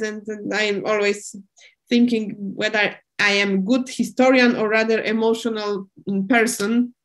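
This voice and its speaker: A woman historian with a mid-range voice answers on a panel discussion, describing her archival work in English. Her speech is full of pauses, fillers and restarts.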